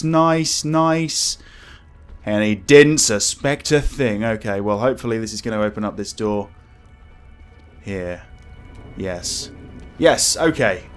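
A man's voice: mid-range voice, clean tone. A man giving casual let's play commentary as a scared, jumpy horror game streamer who exclaims and swears. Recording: music behind the voice.

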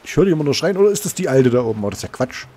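Exasperated gamer, swooping pitch. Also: male voice, lively intonation, rapid-fire, mellow. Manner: exasperated, swearing, talking to viewers. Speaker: let's play host. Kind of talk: gameplay commentary.

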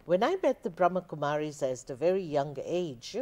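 A notably low-pitched older woman from Zambia speaks as a guest in a television studio. She explains things plainly and unhurriedly, her words carried by a lapel mic. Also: animated, normal speed, a little mellow. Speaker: guest, spiritual teacher. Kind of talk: calm interview answers. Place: TV studio, indoors.

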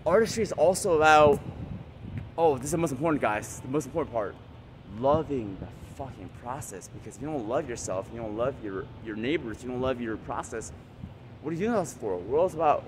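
A man's voice: mid-range voice, animated, a little fast, background noise. A man vlogging motivational advice in a boastful, hyped way, swearing freely. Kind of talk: casual motivational monologue.

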